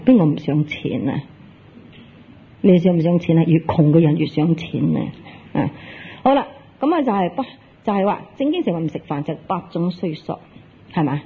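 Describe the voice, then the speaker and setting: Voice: mid-range voice, husky. A Buddhist teacher giving a Dharma talk, telling a Zen story, acting out its dialogue and putting questions to the audience. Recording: tinny, lo-fi phone-like recording.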